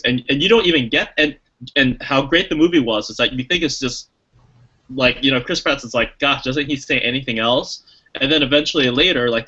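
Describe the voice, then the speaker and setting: A man's voice: medium pitch, pushed and bright, muffled recording. A man co-hosting a podcast, chatting casually and enthusiastically about a movie, rambling with lots of fillers. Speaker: podcast co-host. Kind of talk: casual movie review chat.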